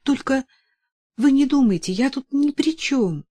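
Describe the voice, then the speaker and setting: A woman's voice: on the high side, slow pace, a little mellow, no echo, pitched above the performer's own voice. A woman reading the lines of a timid, anxious middle-aged mother who speaks apologetically and falters. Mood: apologetic.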